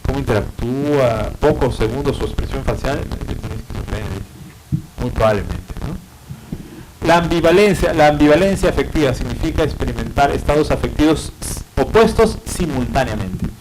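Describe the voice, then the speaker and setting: A man's voice: mid-range voice, expressive, moderate pace, background noise. A man with a Peruvian Spanish accent giving a university psychiatry lecture, explaining patiently and often checking in with tag questions and fillers.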